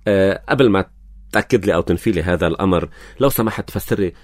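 Deep-voiced Lebanese radio host. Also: male voice, no echo, clean studio sound. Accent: Lebanese Arabic. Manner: hesitant, many drawn-out fillers. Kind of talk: radio interview.

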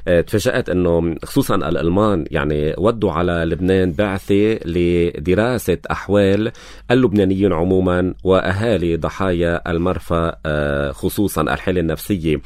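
A man with a Lebanese accent hosting a radio interview, pausing often with drawn-out fillers. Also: low voice, darkish tone, no room sound, studio quality. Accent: Lebanese Arabic. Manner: hesitant, many drawn-out fillers. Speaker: radio host.

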